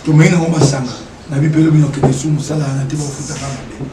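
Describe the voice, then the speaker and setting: An interview guest talks animatedly and emphatically, mixing French and Lingala, repeating phrases and posing rhetorical questions. His voice is a little high with fairly even intonation, and he talks fast. He sounds echoey and distant over a noisy background.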